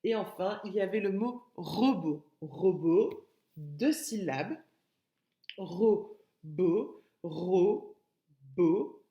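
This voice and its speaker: A woman's voice: mid-range voice, animated, slow, reverberant, dull audio. A woman with a French accent teaching young children in a recorded remote lesson, patiently repeating words and splitting them into syllables. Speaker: kindergarten teacher.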